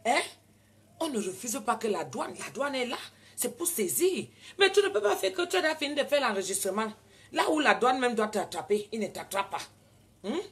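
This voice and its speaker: A woman with a Cameroonian French accent telling a story in casual talk, animated and prone to loud indignant outbursts. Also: on the high side, moderate pace. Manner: animated, switches into loud indignant retorts when quoting herself. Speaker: vlogger.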